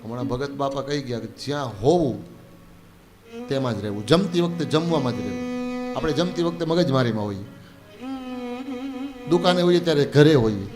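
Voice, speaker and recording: A man telling a religious story as a sermon, acting out the dialogue in lively voices. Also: medium pitch, fairly quick, long pauses, music in the background. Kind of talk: Gujarati katha sermon. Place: spiritual gathering.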